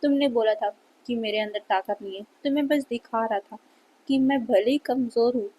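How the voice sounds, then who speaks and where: A woman's voice: on the high side, normal speed, mellow, slight background noise, lightly acted. A woman voicing a proud, possessive man who boasts of his strength, in a fan fiction read-aloud. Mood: boastful. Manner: boastful, challenging.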